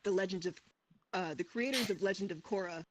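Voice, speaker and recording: A woman's voice: mid-range voice, a little fast, noisy background. A woman reading fan fiction aloud with mock drama on a group stream. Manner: dramatic read-aloud, breaking into laughter.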